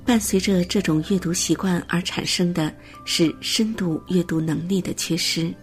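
A woman reading a prepared text as scripted narration, in a steady, measured way. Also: fairly low pitch, faint music behind.

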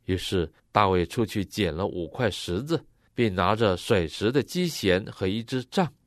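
Male interpreter, deep and animated, expressive, close dry mic. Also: moderate pace, no echo. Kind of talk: consecutive sermon interpretation.

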